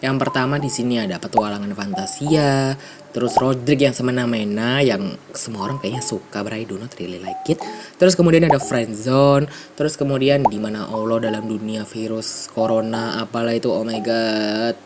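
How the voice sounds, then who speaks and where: A man's voice: medium pitch, normal speed, background noise. A young man with an Indonesian accent and a congested, stuffy nose, chatting casually to viewers as a book vlogger and slipping in English phrases.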